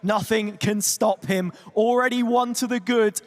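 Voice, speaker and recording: High-voiced man calling esports play. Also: steady tone, soft background music. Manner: quick, punchy calls with vivid phrases. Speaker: esports caster. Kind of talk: play-by-play commentary.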